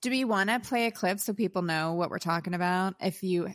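A woman's voice: lowish voice, a little fast, dry recording, studio quality. A woman co-hosting a music podcast, chatting admiringly and effusively. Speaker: podcast co-host. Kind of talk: casual music review chat.

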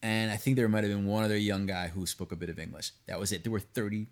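A man in his thirties with a somewhat low voice chats openly as a podcast guest. He talks about his work with lively, unfiltered energy, dropping swear words and restarting phrases as he goes. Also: quick pace. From United States, raised partly in Venezuela. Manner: candid and animated, swears freely, frequent restarts. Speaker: pastry chef guest. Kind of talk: casual podcast conversation.

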